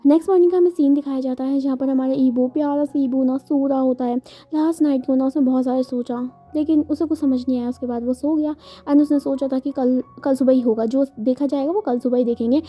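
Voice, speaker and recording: High-voiced woman narrating casually. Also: steady tone, brisk, warm tone. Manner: chatty, self-correcting. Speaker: storyteller. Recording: dull lo-fi sound, faint music.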